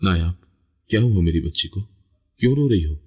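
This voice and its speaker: A man's voice: low-pitched, lively intonation, fairly quick, mellow, breathy edge, full character voice. A man voicing a patient, long-suffering widowed mother who stands her ground, read plainly in a storybook reading. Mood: worried tender. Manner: plainly read, barely shifted from narration. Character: patient widowed mother, middle-aged woman, long-suffering but firm.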